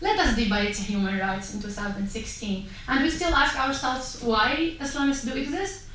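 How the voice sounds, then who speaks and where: In an echoey hall, picked up by a far-off mic over faint noise, a Syrian woman argues passionately and emphatically on a panel. Her rhetorical questions come at a moderate pace, in a high voice with a fairly bright tone.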